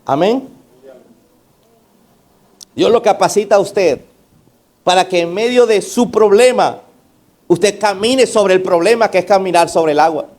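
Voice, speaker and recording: A male pastor delivers a sermon in a darkish voice, speaking a little slowly with frequent pauses. He is emphatic, moving between raised and low delivery while throwing rhetorical questions and call-outs to the congregation.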